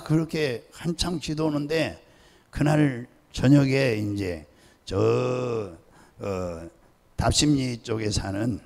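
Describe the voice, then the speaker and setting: A man's voice: mid-range voice, vocal fry, in a large hall. An older man, a pastor emeritus, preaching a sermon and telling stories, acting out the voices of people in them. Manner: storytelling, acting out pleading and shouting voices. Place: church sanctuary.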